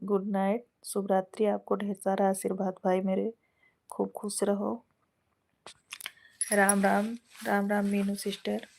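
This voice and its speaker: A woman with an Awadhi lilt hosts a live stream and chats with her viewers. She talks slowly in a level, even tone. She greets and thanks people by name, in an affectionate, chatty way. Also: medium pitch, gravelly. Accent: Awadhi Hindi. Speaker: folk singer hosting a live stream. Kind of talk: casual live chat with viewers.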